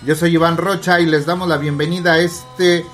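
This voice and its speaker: A man co-hosts a casual podcast, joking and laughing often. His voice is bright and forceful and sits a little high. Faint music plays under the talk. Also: flat delivery, a little fast. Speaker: podcast co-host. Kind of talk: casual chat.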